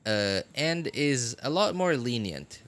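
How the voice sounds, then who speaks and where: Very animated yet slow, a man's medium-pitched, slightly bright voice comes from a gaming livestream with background music. He chats casually, rambling and self-correcting, with a chuckle here and there.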